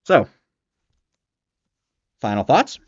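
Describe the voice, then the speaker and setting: A man's voice: drawn-out words, no echo, highs cut off. A man giving a casual spoken book review, swearing freely and ranting in exasperation, his voice climbing as he gets worked up.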